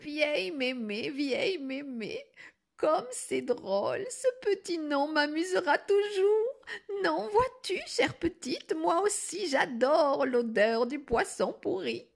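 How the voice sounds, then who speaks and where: A woman reading a storybook aloud, voicing a sly, gentle grandmother with a small, quavering old voice. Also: very high-pitched, expressive, takes it slowly, creaky, voice pushed up, full character voice. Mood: sly sweet.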